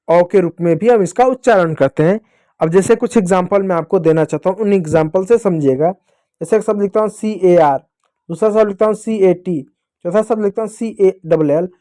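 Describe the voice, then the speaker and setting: A man's voice: sits high, dark tone, no room sound, studio quality. A young man teaching a phonics lesson to young children, patiently repeating rules and asking and answering his own questions.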